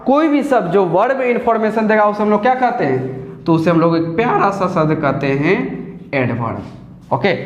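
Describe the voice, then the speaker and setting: A man's voice: high voice, echoey room, highs cut off. A man with a Hindi accent, teaching an English grammar lesson patiently, step by step with repeated examples.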